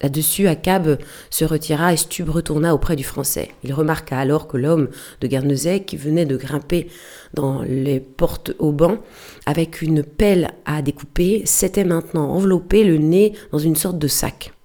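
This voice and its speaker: Woman audiobook reader, low pitched and mellow, measured delivery. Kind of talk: scripted narration.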